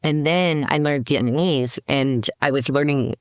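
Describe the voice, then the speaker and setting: With a very deep voice and a slightly slow pace, a middle-aged woman tells her story as a podcast guest. She's a company CEO from the Seattle area in the United States, and her casual, reflective interview talk is peppered with restarts and fillers. The studio-quality recording has no room sound.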